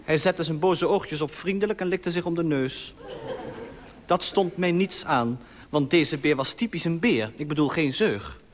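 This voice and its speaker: Deadpan man telling a comic story. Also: a little high, a little slow, long reverb tail, noisy background. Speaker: comic monologuist.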